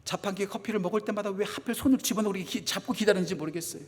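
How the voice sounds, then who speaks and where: A middle-aged Korean man preaching a sermon. He talks fast, repeats phrases for emphasis, and moves between loud exhortation and hushed asides. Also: high-pitched. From South Korea. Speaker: associate pastor. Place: church sanctuary. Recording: long hall reverb of a church.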